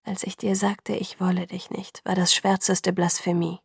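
A woman reading the lines of an intense, remorseful young man in love, soft, hushed and pleading. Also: on the low side, level tone, normal speed, vocal fry, slightly rough, dry recording, clean studio sound.

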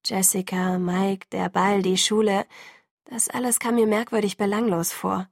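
A woman narrating a first-person novel as an audiobook in a measured, even way. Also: mid-range voice, gravelly, no room sound, studio quality. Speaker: audiobook reader.

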